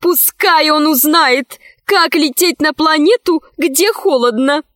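A woman's voice: high voice, takes it slowly, fairly bright tone, dry recording, clean studio sound, voice pushed up. A woman doing an eager, emotional young woman. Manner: eager, exclamatory.

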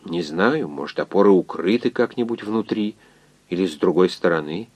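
A man voicing a quiet, thoughtful male physicist who speaks softly and unsurely. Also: low voice, normal speed, no room sound. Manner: hushed, unsure.

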